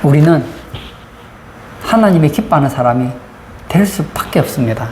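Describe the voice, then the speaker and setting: A woman's voice: low voice, expressive, moderate pace, darkish tone. A woman pastor preaching a sermon, asking the congregation frequent rhetorical questions. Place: church sanctuary. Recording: roomy church acoustics, faint background noise.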